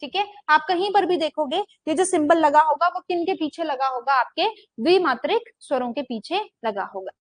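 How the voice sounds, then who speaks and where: A young woman with a high voice teaches grammar in a steady lecture rhythm. She asks the class a question, pauses, and answers it herself, and she stretches vowels out to demonstrate them. The recording is close and dry, with no room sound. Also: no echo. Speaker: Hindi teacher.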